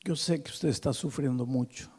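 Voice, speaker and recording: A preacher voicing a gentle young woman. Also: medium pitch, moderate pace, breathy edge, in a large hall. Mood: consoling.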